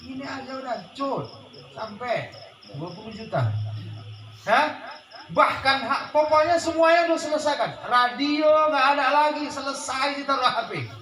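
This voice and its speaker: A man preaching a lively sermon to a village audience, jumping from quiet asides to shouted points and joking with the crowd. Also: very high voice. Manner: animated, swings from soft asides to shouted points, jokes with the crowd. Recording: echoey room with faint background noise.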